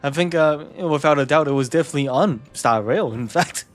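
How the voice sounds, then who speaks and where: A man's voice: a little high, a little fast, faint music behind. A young man with a New Zealand accent chatting casually with stream viewers, easygoing, chuckling often and repeating words. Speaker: game streamer.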